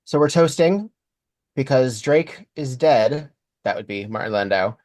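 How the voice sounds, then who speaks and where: A man's voice: mid-range voice, expressive, a little slow, a little mellow, no room sound. A man co-hosting a podcast, recapping a TV episode in casual chat, knowledgeable and wry. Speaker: podcast co-host.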